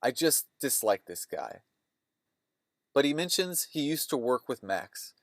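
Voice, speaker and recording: A man's voice: medium pitch, very animated, measured pace, fairly bright tone, no echo, clean studio sound. A man hosting a movie podcast, retelling scenes in a rambling, opinionated way. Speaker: podcast host.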